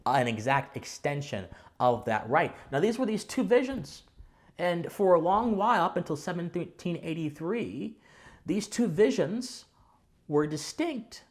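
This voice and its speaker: A man's voice: a little high, lively intonation, a little slow. A man hosting a commentary channel, explaining to viewers in a didactic, formally worded way with emphatic stress on key words. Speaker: host of a political commentary channel.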